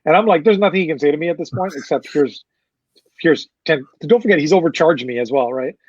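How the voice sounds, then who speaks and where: In a casual interview, a man who works as a concert promoter spins a long, animated anecdote, quoting people and swearing freely. His voice is on the high side and fast, captured in a dry, lo-fi recording.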